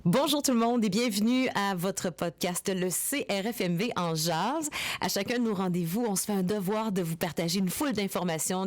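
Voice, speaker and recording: A woman's voice: lowish voice, dry recording. Upbeat woman hosting. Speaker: podcast host. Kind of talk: scripted podcast introduction.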